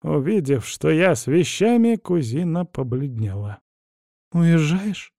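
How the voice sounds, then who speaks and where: Guy reading a first person audiobook, wry and chatty, lively pitch, mellow dark tone. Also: moderate pace, dry recording, clean studio sound. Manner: wry, conversational storytelling. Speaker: audiobook narrator.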